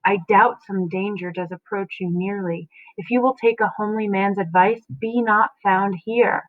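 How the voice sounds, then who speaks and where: A woman reading the lines of a hurried, humble male messenger giving a warning. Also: medium pitch, steady tone, close to an everyday voice. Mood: urgent. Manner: urgent warning. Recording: tinny phone-like dry sound.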